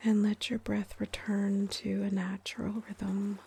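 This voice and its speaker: A female meditation guide and yoga teacher leads a soft-spoken guided meditation in a breathy, whispery, mid-range voice. Her mellow tone stays very even, calm, and soothing, unhurried with long, gentle pauses.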